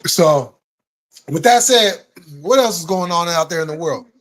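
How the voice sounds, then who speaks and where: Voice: mid-range voice, lively intonation, measured pace, a bit bright. A live stream host chatting casually with viewers in informal, slangy speech peppered with swearing.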